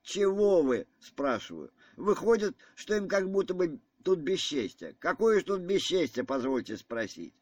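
An excitable, pushy elderly general from an audiobook, put on by a man reading it. His voice climbs high and loud as he presses his point, and the recording is dry and close, with no room sound. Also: no room sound. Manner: excitable, insistent.

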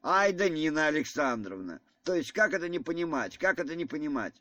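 An excitable, pushy elderly general from an audiobook, put on by a man reading it. His voice climbs high and loud as he presses his point, and the recording is dry and close, with no room sound. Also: a little fast, dry recording. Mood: indignant. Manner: excitable, insistent.

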